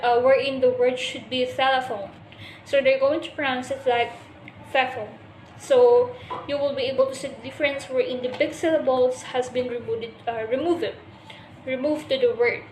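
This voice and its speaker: A high-voiced woman gives a class presentation as a student presenter. She explains step by step, pausing often and restarting her sentences. The recording has a roomy echo. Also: a little mellow, a little hiss or hum. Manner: explanatory, with many hesitations and restarts.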